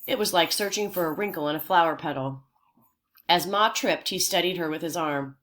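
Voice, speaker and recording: A woman reading a children's novel aloud in a steady, unhurried storytelling voice. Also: on the low side. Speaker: audiobook reader.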